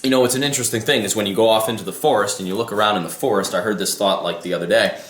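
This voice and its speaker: In an echoey room, a man with a fairly low, somewhat bright voice talks very fast, musing casually to camera as a vlogger and life coach. He rambles, keeps losing his thread and restarting, and swears in a casual way.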